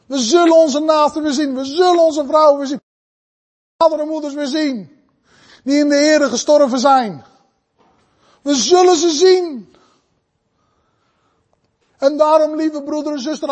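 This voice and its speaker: High-voiced fervent male preacher. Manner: fervent preaching, swinging from loud to soft. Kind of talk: sermon.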